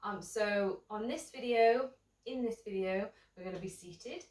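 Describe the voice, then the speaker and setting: A woman teaching a seated yoga class, talking gently and casually, with many ums. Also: mid-range voice, unhurried, echoey room, far from the mic, low-quality recording. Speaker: yoga instructor. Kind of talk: guided seated yoga instruction.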